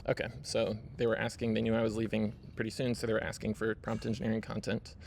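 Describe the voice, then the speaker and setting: This video host talks fast in a lowish, gravelly, slightly mellow voice with a totally flat delivery. He casually walks viewers through his screen, full of fillers and "right?" tags, over a faint hiss or hum.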